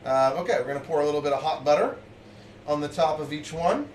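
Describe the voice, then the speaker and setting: Excitable high-voiced man cooking on stream. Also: quick pace, echoey room, far from the mic, a little hiss or hum. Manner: excitable and jokey, reads out chat messages. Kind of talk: casual live-stream chat while cooking. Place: basement home kitchen.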